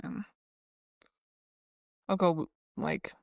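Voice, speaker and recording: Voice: extremely slow, dry recording, studio quality. A podcast co-host talking candidly and self-deprecatingly in a casual faith chat.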